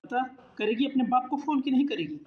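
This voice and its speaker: A man voicing a violent young husband in a cartoon story, shouting threats. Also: very high-pitched, lively intonation, fairly quick, reverberant, pitched above the performer's own voice. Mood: threatening. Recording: muffled lo-fi sound.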